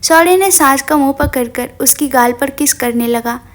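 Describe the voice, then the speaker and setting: Woman storyteller, high voice, expressive emotional reading, scripted narration. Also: normal speed.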